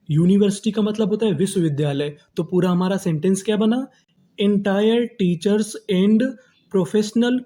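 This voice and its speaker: Slow, drilling male teacher. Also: sits high, mellow. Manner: slow, syllable-by-syllable reading with repeated question-and-answer drills. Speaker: English teacher. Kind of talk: lesson, spelling words out and translating.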